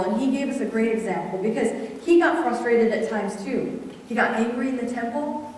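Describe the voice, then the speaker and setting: A woman's voice: a little high, a little hiss or hum. Chatty woman preaching in an echoey hall. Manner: animated, chatty storytelling with audience questions. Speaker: speaker at a women's event. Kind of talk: conversational sermon with personal stories. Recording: distant voice in a reverberant hall.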